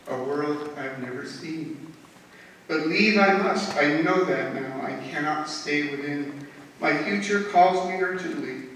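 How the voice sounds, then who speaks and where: A woman reading her own rhymed poems at a talent show in a measured, rhythmic way. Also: low voice, fairly bright tone. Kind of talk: poetry reading. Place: talent show stage in a hall. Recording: echoey hall recorded from far off, faint noise.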